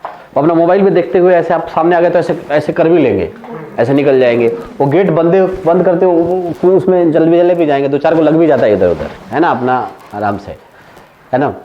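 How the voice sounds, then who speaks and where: A man's voice: fairly high pitch, expressive, normal speed, lo-fi sound, slight background noise. A male economics teacher with an Indian accent, giving a classroom lecture that switches between Hindi and English and tells anecdotes. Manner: storytelling, mixing Hindi and English, laughing at his own anecdotes.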